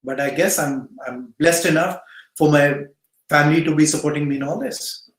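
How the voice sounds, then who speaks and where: Speaking at a moderate pace in a fairly high voice, this guest, a middle-aged man with an Indian accent who volunteers supporting cancer patients, gives earnest interview answers and encourages young people. He repeats phrases for emphasis, and the sound is roomy with echo.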